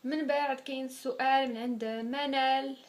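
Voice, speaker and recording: A woman's voice: high-pitched, steady tone, moderate pace. A woman in her twenties with a Moroccan accent, chatting casually as a vlogger answering viewers' questions and slipping French words into her speech. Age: 20s. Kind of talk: casual Q&A vlog.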